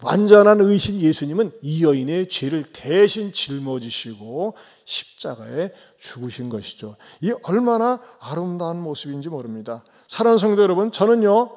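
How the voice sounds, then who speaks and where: A man, a pastor, preaching a Sunday sermon. He questions the congregation directly and swings between soft, low asides and loud, raised exhortations. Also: sing-song, moderate pace, few pauses.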